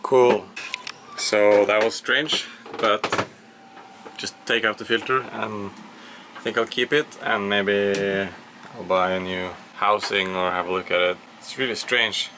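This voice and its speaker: On a small sailboat, in the cockpit and cabin, a young sailing vlogger speaks unhurriedly in a lowish voice. He chats informally into a handheld camera at arm's length, thinking aloud. Noisy on-board audio carries a constant hum.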